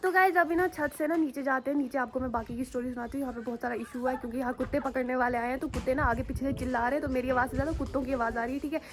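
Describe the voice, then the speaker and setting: A woman vlogger from Jammu and Kashmir with a high voice. She talks to her viewers in a loose, chatty way and keeps calling them "guys". She records herself outdoors on a handheld phone. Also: steady tone, very fast, few pauses. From Jammu and Kashmir, India. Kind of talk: casual vlog storytelling to viewers. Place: outdoors on a rooftop and at a school ground.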